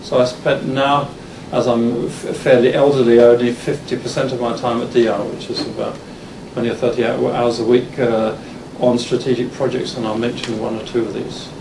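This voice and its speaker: Man in his fifties, English accent, halting lecture, echoey hall, noisy background. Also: mid-range voice, little pitch movement. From Denmark, born in England. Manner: halting, many restarts and fillers. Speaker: university lecturer giving a talk. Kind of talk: conference lecture. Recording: roomy, distant, noisy hall recording.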